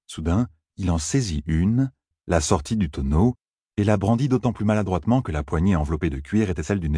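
A man reading an audiobook aloud in an expressive storytelling manner. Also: low-pitched, breathy edge, no echo, studio quality. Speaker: audiobook narrator. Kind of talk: scripted narration.

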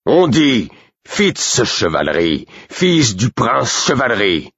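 A man voicing a stern, loyal older stablemaster who speaks curtly and gruffly. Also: very deep voice, fairly even intonation, fairly quick, no room sound, muffled recording, exaggerated voice. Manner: curt, gruff.

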